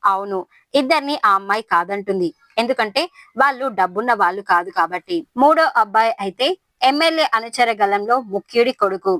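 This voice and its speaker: A curious teenage younger sister, as a woman narrator puts her on, calm and inquisitive. Her mid-pitched voice sounds close and dry. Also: brisk, no echo.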